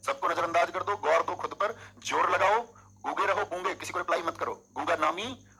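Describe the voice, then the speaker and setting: Bright, husky male coaching teacher. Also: high voice, brisk, rough recording. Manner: animated, coaxing students with memory tricks. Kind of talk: exam coaching lecture.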